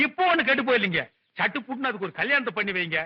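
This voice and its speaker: Sarcastic village scold, very high voice, muffled old film audio. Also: male voice, expressive, rapid-fire. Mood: pleading. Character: sharp-tongued village man, middle-aged, mocking. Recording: dull old film soundtrack.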